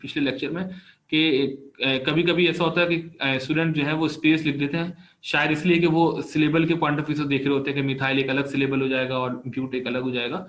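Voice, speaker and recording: A man's voice: fairly high pitch, level tone, a little fast, fairly bright tone. A man giving a recorded chemistry lecture, explaining patiently step by step through on-screen examples. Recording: roomy, slightly dull lo-fi recording.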